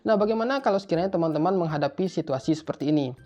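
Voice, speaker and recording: A young man with a fairly high, dark-toned voice talks in rapid-fire, expressive bursts, casually walking through job interview answers as a Japan-based interview tutor. He's chatty and informal and keeps falling back on the same filler tag. The audio is slightly muffled, with faint music in the background.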